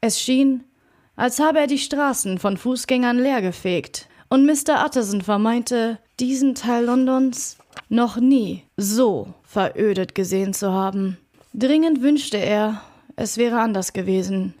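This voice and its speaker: A woman narrating a classic novel as an audiobook in a clear, measured reading voice. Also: on the high side, a little mellow. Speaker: audiobook reader.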